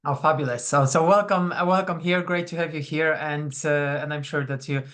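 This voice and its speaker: A Polish psychonutrition coach, whose first language is Polish, leads a live online masterclass over a video call. Her low voice is fairly quick with fairly even intonation, and she's chatty and welcoming, greeting attendees by name.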